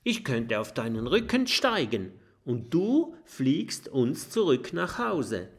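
A man voicing a young female porcupine in a children's audiobook, fearful and sharp-tongued. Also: mid-range voice, sing-song, takes it slowly, voice pushed up. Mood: alarmed.

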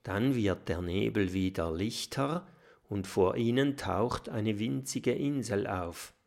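A man narrating a children's audiobook in a calm storytelling manner. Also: lowish voice, slow, creaky.

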